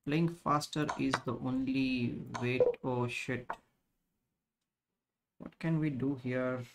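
A man in his thirties speaks with an Indian accent at a middling pitch. He chats casually like an instructor hosting a live stream, stopping and restarting, often saying a phrase twice. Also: steady tone, slow pace, noisy background. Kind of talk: casual live stream chat while playing chess.

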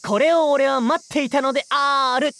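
A woman voicing a brash, cheeky teenage schoolboy in a visual novel game, with rough, slangy, clowning speech. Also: high voice, normal speed, a bit bright. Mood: brash, joking. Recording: music under the voice.

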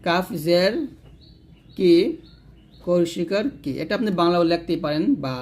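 A man teaches Quran recitation in a patient, repetitive style. He poses questions and answers them himself, stretching the syllables out for practice. His voice sits a little high. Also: darkish tone. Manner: repetitive, drilling syllables slowly and asking questions. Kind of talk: step-by-step lesson.

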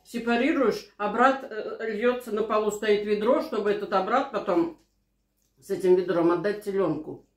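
An older woman in her sixties talks casually at the table, sharing everyday stories. Her voice sits at a middle pitch, and the room around it adds a noticeable echo. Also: moderate pace. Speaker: mukbang vlogger. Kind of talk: casual chat and anecdotes over a meal. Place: small living room at home, indoors. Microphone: camera across the table. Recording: roomy, echoing home room.

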